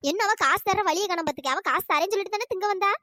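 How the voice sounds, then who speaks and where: A wailing woman, squeaky and fast. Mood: scolding. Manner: wailing, complaining, sharp-tongued. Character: village woman who overpaid a hotel bill, lamenting and scolding. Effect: pitch-shifted voice. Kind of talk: cartoon storytelling voice acting.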